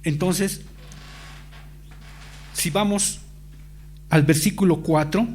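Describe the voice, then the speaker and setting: High-voiced man preaching emphatically. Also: slow pace, a little mellow. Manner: emphatic, dramatizes quoted dialogue; repeats phrases for emphasis. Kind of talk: sermon.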